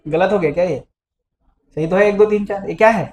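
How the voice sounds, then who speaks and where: A male physics teacher gives a casual classroom lecture in a high-pitched, darkish voice, talking a little fast. He teases and scolds his students as he goes, and the room sounds echoey.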